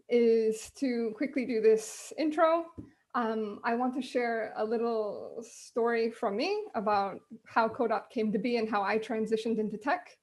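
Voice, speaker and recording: A woman hosting a casual online panel on a video call, talking loosely and filling gaps with ums. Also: mid-range voice. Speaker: host.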